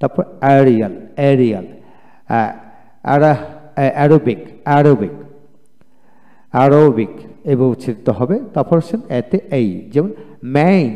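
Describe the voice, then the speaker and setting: Male teacher, mellow voice, drills each word twice; reverberant hall sound. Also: medium pitch, moderate pace, long pauses. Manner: drills each word by repeating it, calm explanatory tone. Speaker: English pronunciation teacher. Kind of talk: video lecture, repeating words twice.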